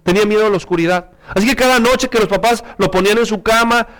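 A male pastor preaching a sermon, telling a story and reading scripture in an earnest, animated way. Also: quick pace. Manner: earnest and animated, rises in pitch for emphasis.

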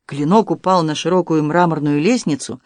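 An audiobook narrator reading a historical adventure in an even, measured scripted narration. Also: medium pitch, no echo.

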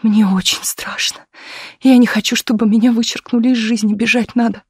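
A reader voicing a frightened, weary young actress who speaks quietly and pleadingly, often close to a whisper. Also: mid-range voice, little pitch movement, fairly quick, breathy edge, dry recording, voice pushed up.

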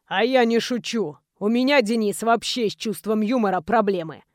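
Brief: woman voicing a soft-spoken, threatening young man in a storybook, in a low, altered voice. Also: normal speed, dry recording, studio quality, natural voice. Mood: quietly menacing. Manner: quiet, calm and menacing. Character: quiet menacing young man, softly threatening.

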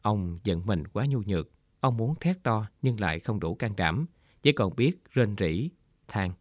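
A man narrating a short story in a measured, solemn storytelling voice. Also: fairly low pitch, lively intonation, no room sound. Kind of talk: scripted audiobook narration. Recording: dry studio with faint guitar music.

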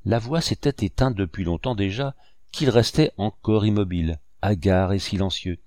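A man reading a classic novel aloud as an audiobook narrator, in a steady, measured way. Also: fairly low pitch, dry recording, clean studio sound. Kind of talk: scripted narration.

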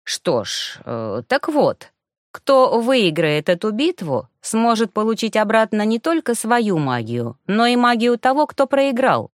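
A woman's voice: fairly high pitch, sing-song, measured pace, dry recording, clean studio sound. A woman voicing a brash, scheming young male student in an audiobook, talking in a smug drawl. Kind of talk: audiobook character voice.

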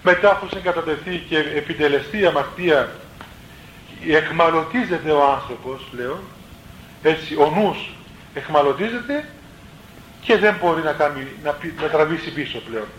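High-voiced priest giving a sermon. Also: male voice, a bit bright. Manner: plain teaching tone, peppered with "let's say" asides and self-corrections. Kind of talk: spoken sermon on spiritual life. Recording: roomy echo, faint background noise.

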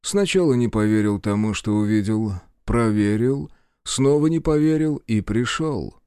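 A secretive hacker, voiced by a male reader, speaks slowly in a calm, polite and measured way. His voice sits fairly low but moves with life, and the recording is close and dry. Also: smooth, dry recording.

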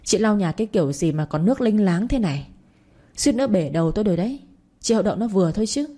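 A woman voicing a bossy older mother-in-law who scolds in a shrill, accusing voice. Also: animated, fairly quick, mellow, husky. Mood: scolding. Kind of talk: audio story reading.

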